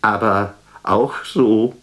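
Drawing out his words in a fairly low, slightly bright voice, a man performs a lonely, melancholy poet for a literary radio drama. His delivery is exaggerated, theatrical, solemn, and introspective, and it feels tender and sad.

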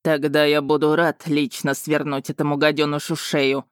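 A woman's voice: low-pitched, little pitch movement, moderate pace, no echo, studio quality, pitched below the performer's own voice, lightly acted. A woman voicing a harsh, menacing male dragon lord in an audiobook, mocking and snarling. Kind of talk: audiobook character voice.

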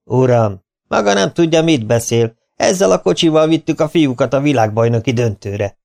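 A man voicing an excitable elderly father who theatrically haggles over a car. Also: medium pitch, gravelly, voice pushed up. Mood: pleading. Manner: theatrical, indignant salesman's pleading.

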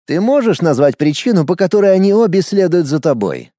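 A man's voice: sits high, very animated, normal speed, dark tone, no echo, studio quality, voice pushed up. A man voicing a smug, nosy young man who thinks he knows all about women, talking with sarcastic, insistent teasing. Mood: sly. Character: smug, nosy young man, self-styled ladies' expert.

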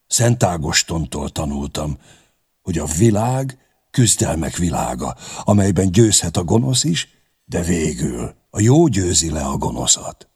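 A man doing a stern, deliberate young king. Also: a bass voice, a little mellow, husky, heavily acted. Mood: resolute. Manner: grave, commanding, deliberate.

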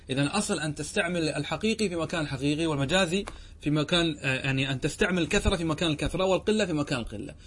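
A man teaching Arabic grammar in a lecture, often asking his students whether the point is clear. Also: on the high side, fairly bright tone, slight background noise. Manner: checks understanding with frequent questions to students; reads the verse slowly, then explains it. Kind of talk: explanatory lecture.

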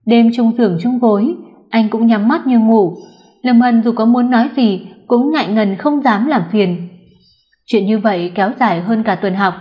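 A woman narrating a romance novel in a steady, even storytelling manner. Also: fairly high pitch. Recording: dull lo-fi recording.

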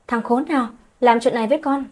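A woman voicing a hardworking middle-aged mother who scolds her daughter with sharp, demanding questions, in a husky voice. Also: fairly high pitch, steady tone, fast talker, pitched above the performer's own voice. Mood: furious.

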